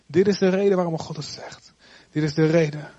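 A man's voice: fairly high pitch, fairly even intonation, fairly quick, warm tone, lo-fi sound, a little hiss or hum. A man preaching and leading a congregation in fervent, repetitive prayer. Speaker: pastor.

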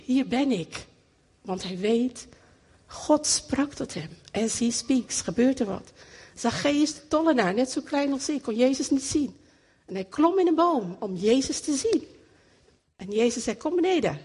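A middle-aged woman preaching a sermon in an animated way, repeating phrases for emphasis. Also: fairly high pitch, slightly rough. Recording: echoey hall, long reverb.

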